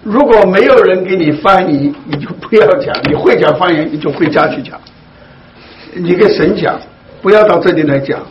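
A man leading a Bible study for his congregation, speaking slowly and deliberately with many hesitant fillers. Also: sits high. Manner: slow, deliberate, with frequent fillers. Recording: dull lo-fi recording, faint hiss.

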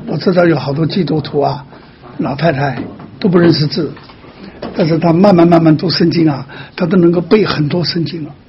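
A man with a slightly high voice counsels a caller in a patient, teaching way. He lays out each point slowly and keeps softly checking in. The sound is muffled and lo-fi. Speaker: pastor answering a caller. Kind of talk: pastoral counseling.

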